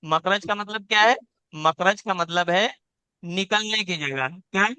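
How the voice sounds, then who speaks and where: Bright, clear-voiced male Quran teacher. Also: sits high, a little slow, dry recording. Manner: patient, repeats points, demonstrates each sound aloud. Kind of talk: live online class, teaching letter sounds. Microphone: video call.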